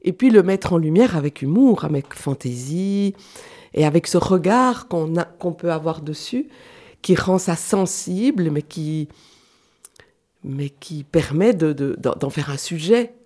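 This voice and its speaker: A woman's voice: deep voice, lively intonation, unhurried, dark tone. A middle-aged woman from Switzerland, guest in a radio interview, talking through her work with many fillers and restarts. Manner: hesitant, searching for words with many fillers. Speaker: guest, clown and actress.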